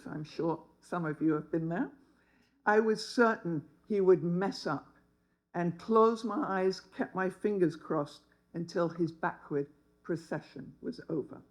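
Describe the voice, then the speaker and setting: A woman's voice: lowish voice, darkish tone, low-quality recording. A woman, telling a personal story to an audience in a wry, humorous way. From England. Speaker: speaker.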